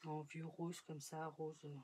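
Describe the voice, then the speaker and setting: A woman's voice: low voice, flat delivery, a little slow, background noise. Chatty woman showing her sewing. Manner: chatty, rambling, with many fillers and trailing off. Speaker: sewing vlogger. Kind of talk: casual chat showing sewing projects. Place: home sewing room.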